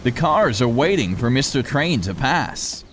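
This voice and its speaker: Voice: medium pitch, big pitch swings, unhurried, slight background noise. A narrator for a preschool cartoon, explaining things in simple, instructive short sentences. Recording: music bed under the voice.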